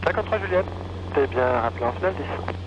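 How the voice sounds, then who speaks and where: A male air traffic controller speaks over a radio in procedural phraseology. His voice sits somewhat high, and the transmission is dull and clearly noisy. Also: expressive, fast. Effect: heard over a radio. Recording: muffled, very noisy aviation radio.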